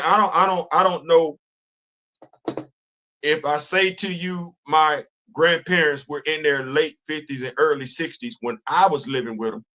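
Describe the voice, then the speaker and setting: This fifties-aged livestream commentator, recorded on a phone, holds forth in an animated, preachy way, restarting and repeating himself as he goes. His pitch runs slightly high for a man.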